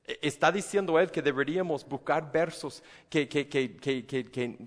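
A man's voice: a little high, moderate pace, in a large hall. A male pastor preaching a sermon with earnest feeling. He often stumbles and repeats words, and acts out the inner dialogue of a believer.

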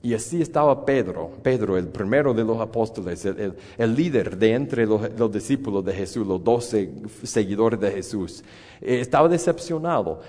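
A man's voice: on the low side, expressive, moderate pace, warm tone. A man preaching a sermon, retelling a Bible story with many restarts and repeated words and putting questions to the listeners. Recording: long hall reverb.

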